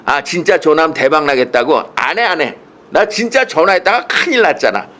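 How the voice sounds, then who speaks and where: A man's voice: a little high, animated, fairly quick, bright, forceful tone. A man giving a humorous lecture over a video call, telling stories in a playful, teasing way and acting out the quotes. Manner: playful, teasing storyteller who acts out quotes. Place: indoors, speaking to a monitor.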